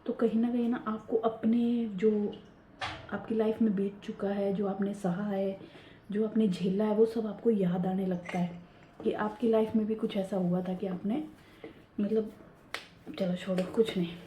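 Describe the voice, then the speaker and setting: A woman in her thirties talks softly through her day at home, chatty and confiding, keeping her voice low. Her tone is mellow and warm. The voice-over sounds roomy, with a faint ambience behind it. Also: flat delivery, unhurried, a little hiss or hum. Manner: soft, hushed talking. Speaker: home vlogger. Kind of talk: quiet voice-over narration of daily chores.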